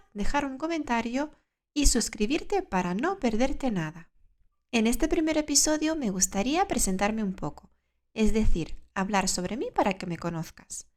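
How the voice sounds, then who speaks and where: A woman presents a podcast lesson for learners of Spanish. Her voice sits a little high, and she explains things in a clear, measured way, often turning to the listener with a question. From Spain. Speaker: Spanish teacher and podcast host.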